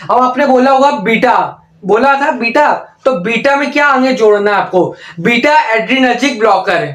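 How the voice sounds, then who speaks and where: Drilling pharmacy teacher in echoey room. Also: male voice, extremely high pitch, a bit bright. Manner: slow, drawn-out repetition of terms, frequent "ठीक है?" check-ins. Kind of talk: exam-prep lesson with call-and-response drilling.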